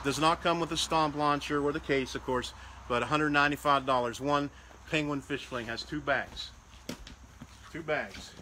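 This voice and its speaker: A man's voice: on the high side, moderate pace, sharp tone. Chatty salesman over background noise. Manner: chatty, repeats prices, restarts phrases; walking around showing products. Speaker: salesman for a game rental company. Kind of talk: casual sales walkthrough.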